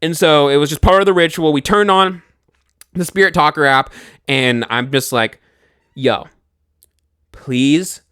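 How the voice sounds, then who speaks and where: A young man telling a scary personal story in casual speech, animated, swearing freely and full of fillers and restarts. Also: a little high, moderate pace, clean tone, dry recording, studio quality.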